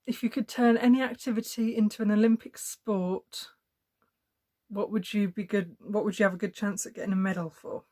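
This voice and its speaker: A woman's voice: medium pitch, steady tone, normal speed, dark tone. A woman chatting casually while she stitches, rambling and thinking aloud with plenty of fillers and restarts. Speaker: cross-stitch vlogger.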